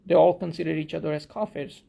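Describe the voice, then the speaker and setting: A man's voice: on the high side, flat delivery, fast, vocal fry, mellow, dull audio. A man from Pakistan explaining a theory in a thoughtful talk, often restarting and repeating words as he searches for phrasing. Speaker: video essayist.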